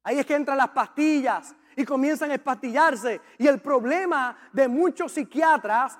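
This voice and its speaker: A long, large-hall reverb surrounds a pastor delivering his sermon in a very high voice at normal speed. He's fervent and repeats himself as he spurs the congregation on.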